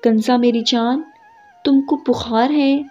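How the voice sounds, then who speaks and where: A woman voicing a quick-tempered young husband who scolds his wife loudly and sarcastically. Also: fairly high pitch, fairly even intonation, close to an everyday voice. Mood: tender apologetic. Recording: muffled audio with soft background music.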